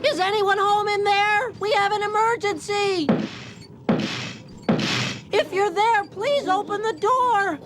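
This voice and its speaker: A woman's voice: extremely high pitch, slow pace, long pauses, very noisy. A woman voicing an earnest young wooden puppet boy in a cartoon, childlike and pleading. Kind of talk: dubbed cartoon acting. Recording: music behind the voice.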